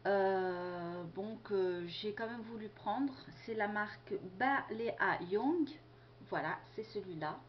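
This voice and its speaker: Young female vlogger, chatty and halting, muffled lo-fi home recording. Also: mid-range voice, slight background noise. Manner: chatty, hesitant, many fillers. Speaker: beauty vlogger. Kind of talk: casual product haul video. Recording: dull lo-fi camera sound.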